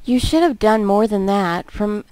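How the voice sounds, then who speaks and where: A woman's voice: mid-range voice, expressive, a little slow, a little mellow, no room sound, lightly acted. A woman voicing a stern, protective teenage boy in a dating game, in her own plain reading voice.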